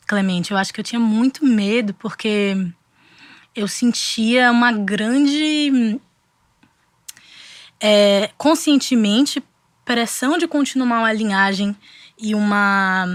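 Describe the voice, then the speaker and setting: In a dry recording, a young guest artist from Brazil speaks with a somewhat high voice and a Bahian accent. Reflecting during a casual interview, she keeps restarting her sentences and uses plenty of fillers.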